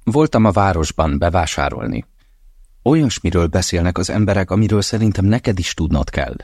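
A man's voice: sits low, big pitch swings, a little mellow, dry recording, clean studio sound, pitched above the performer's own voice, exaggerated voice. A man reading an audiobook, voicing an anxious elderly mother calling her grown son. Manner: anxious, insistent. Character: worried elderly mother on the phone.

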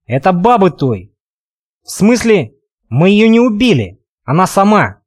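A man's voice: high-pitched, big pitch swings, measured pace, voice pushed up, heavily acted. A man voicing a helpless, evasive young man in an audiobook. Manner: helpless, mumbling excuses.

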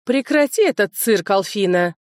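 A woman's voice: mid-range voice, lively intonation, normal speed, dry recording, studio quality, close to an everyday voice. Woman voicing a growling dragon lord. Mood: commanding. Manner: growling, commanding. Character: hot-tempered domineering male dragon lord.

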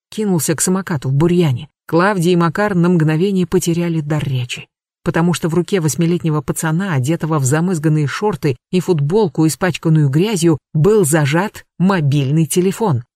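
An audiobook narrator reads a tense thriller in steady, dramatic scripted narration. The pitch sits mid-range. The recording is close and dry, with no room echo. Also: brisk.

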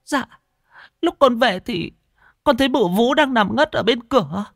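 A man voicing a panicked, tearful young daughter-in-law in a spoken ghost story, talking shrill and fast. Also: expressive, creaky, fairly bright tone, dry recording, clean studio sound, heavily acted. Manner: shrill, fast, breathless sobbing speech.

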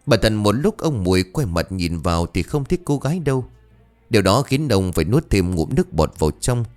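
A man with a low voice narrates a ghost story with suspense, his pitch swinging widely. Soft music plays faintly underneath. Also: very animated, a little fast. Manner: dramatic, suspenseful.

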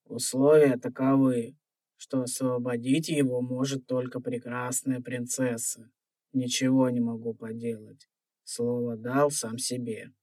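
An actor playing a wry, ancient dragon in an audio fairy tale, speaking with drawling, mock-courteous manners. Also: male voice, medium pitch, level tone, measured pace, dark tone, no echo, natural voice. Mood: amused, mocking.

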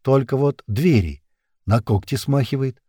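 Give me a man playing a measured soldier who speaks slowly and gravely. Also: medium pitch, mellow, no echo, studio quality. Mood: grim, measured. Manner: slow, deliberate verdicts. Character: calm grim male soldier, measured, slow-spoken.

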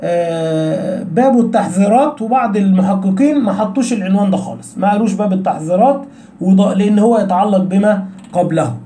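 A man's voice: high-pitched, lively intonation, fast talker, dark tone, slight background noise. A man with an Egyptian accent teaching Quran recitation rules, asking his listeners questions and answering them himself. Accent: Egyptian Arabic. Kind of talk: explanatory lesson. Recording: echoey room.

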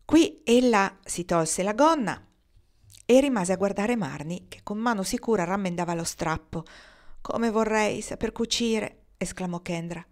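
Female audiobook reader, measured literary narration. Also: medium pitch, darkish tone. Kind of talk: novel read aloud.

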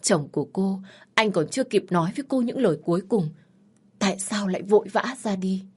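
A woman's voice: mid-range voice, animated, a little fast, a little mellow, husky. A woman narrating a sad family story in a somber, emotional way.

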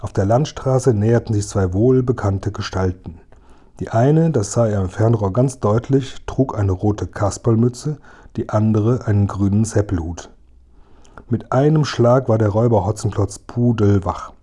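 A man reading a children's book aloud as narrator, calm and even. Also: on the low side, unhurried, breathy edge.

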